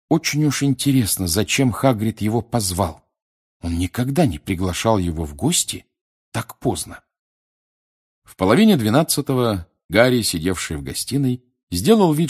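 A man narrating an audiobook in a steady, expressive storytelling manner. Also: fairly low pitch. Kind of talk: audiobook reading.

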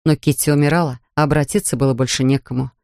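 An audiobook narrator reading in a tense, measured way at a middling pitch. The recording is dry and close, with no room echo. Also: steady tone, creaky, darkish tone.

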